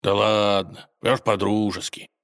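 A man voicing a calm, mocking bald tsar in a storybook, unbothered and teasing. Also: on the low side, unhurried, vocal fry, dry recording, clean studio sound. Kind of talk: storybook character voice.

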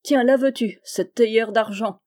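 A woman's voice: on the high side, unhurried, a little mellow, natural voice. A woman reading aloud, voicing a boisterous, sarcastic male sailor who laughs and boasts, in a raised, livelier voice. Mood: mocking.

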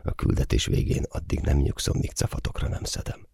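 A man's voice: a little mellow, no room sound. A man narrating a first-person audiobook in a dry, wry, terse manner.

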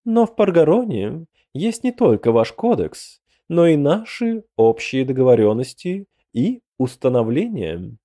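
A man voicing a quiet, measured female ruler. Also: medium pitch, sing-song, voice pushed up. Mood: calm.

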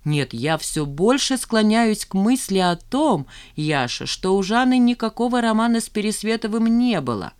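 A composed male friend , as an audiobook reader puts him on, speaks in a measured, matter-of-fact voice. He reasons things out calmly and sternly, and the pitch stays in a middle range. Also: clear, resonant tone, lightly acted. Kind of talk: audiobook character voice.

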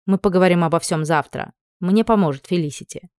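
A woman's voice: lowish voice, a little fast, darkish tone, smooth, dry recording, natural voice. A woman voicing a young noble lady who gives tired, stern commands in an audiobook.

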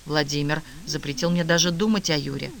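A man reading the lines of a timid, grieving young mother who speaks quietly and plaintively. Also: fairly high pitch, steady tone, fairly quick, vocal fry.

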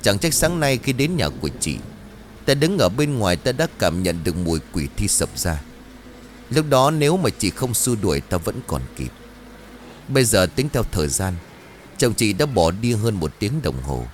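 A man voicing an old male exorcist master who speaks slowly in a low, solemn voice. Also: big pitch swings, a little hiss or hum. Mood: grave.

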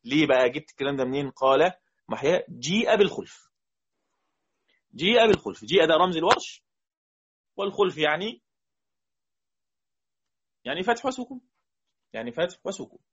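A man with an Egyptian accent teaching a lesson on Quran recitation variants, explaining in casual speech and slowly chanting the verses he quotes. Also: on the high side, very animated, a bit bright, breathy edge, dry recording, lo-fi sound. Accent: Egyptian Arabic.

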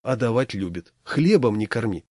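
A man's voice: mid-range voice, expressive, moderate pace, darkish tone, no room sound, clean studio sound, lightly acted. A man voicing a sly male coworker who wheedles and pretends to be forgetful. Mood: scheming. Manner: wheedling then falsely forgetful.

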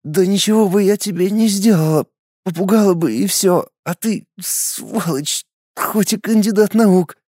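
A battered young woman, tied up, spits insults in a shrill, raised voice. A man puts her on with a dark timbre showing through, recorded close and dry. She swings between snarling and sobbing. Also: measured pace, dry recording. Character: furious injured young woman captive.

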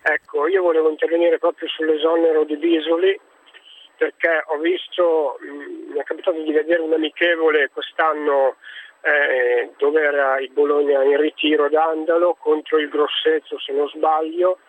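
Man, radio show caller, phone line, thin lo-fi sound, raised pitch, hesitant, stop-start. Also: level tone. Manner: hesitant, halting, many fillers and restarts. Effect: phone-line call into a radio show. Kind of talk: casual chat.

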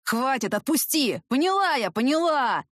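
Brief: woman reader doing a hoarse boozy mother, crude and shrill, pitched up, lively swings. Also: moderate pace, no room sound, studio quality. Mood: pleading. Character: harsh drunken neglectful mother, coarse and whining.

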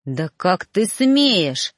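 An irritable, stern male soul reaper scolds and snaps, as a woman reads him in an audiobook. The voice sits fairly low and hisses its reproaches. The sound is dry and close. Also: lively intonation, normal speed, dry recording, lightly acted. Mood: indignant. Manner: hissing, snapping, scolding. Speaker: audiobook reader. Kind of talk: audiobook dialogue reading.

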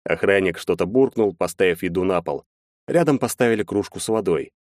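A man narrating a fantasy audiobook in the first person, wry and measured. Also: deep voice, a little mellow, no echo, studio quality.

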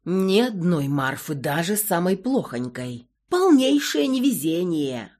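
Woman reading as a teasing 30ish guy, lively up and down, bit husky. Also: lowish voice, normal speed. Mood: wry. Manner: teasing, sarcastic. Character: thirty-year-old man, joking, wry.

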